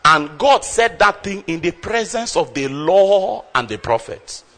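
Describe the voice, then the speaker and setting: A man's voice: sits high, very animated, measured pace, bright, forceful tone. A man preaching a sermon, explaining scripture verse by verse and calling out emphatically to his congregation.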